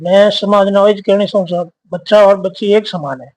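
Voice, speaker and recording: A man's voice: sits high, steady tone, moderate pace, darkish tone, rough recording. A middle-aged man, father of the officer, answers humbly and respectfully from a little away from the mic. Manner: humble, respectful, addresses the interviewer as sir.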